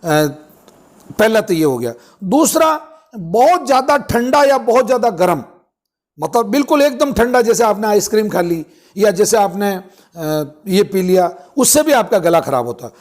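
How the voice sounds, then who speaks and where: A man giving an informal Ayurvedic health talk, explaining step by step with frequent pauses and fillers. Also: sits high, sing-song, a little mellow. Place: ashram.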